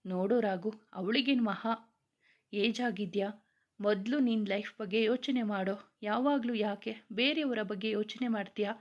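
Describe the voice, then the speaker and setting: A woman's voice: medium pitch, normal speed, lo-fi sound, natural voice. A woman reading the lines of a young man who teases and scolds his best friend, in a storybook tale. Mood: probing.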